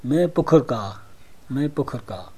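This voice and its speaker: A man's voice: medium pitch, lively intonation, darkish tone, slightly rough. A man giving translations and saying each phrase three times in a row. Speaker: language consultant. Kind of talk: language elicitation session.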